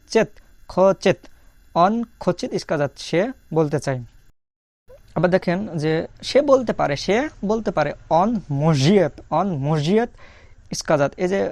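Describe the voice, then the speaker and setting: A man teaching a language lesson over his screen, repeating each phrase slowly and spelling out the sounds letter by letter. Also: a little high, creaky, darkish tone, dry recording.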